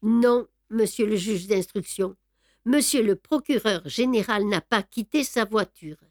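A woman's voice: mid-range voice, measured pace, darkish tone, no echo, clean studio sound, natural voice. A woman reading the part of a male court clerk revealed as a brutal, mocking villain, speaking curtly. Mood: polite. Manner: mocking, curt. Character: sneering male clerk turned armed villain, brutally bold.

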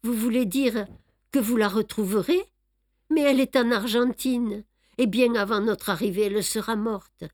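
A woman's voice: fairly high pitch, moderate pace, darkish tone, no room sound, close to an everyday voice. An anxious, loyal male companion pleads with worried questions, as a woman reading a novel aloud gives him a voice. The sound is dry and close. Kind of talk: audiobook reading.

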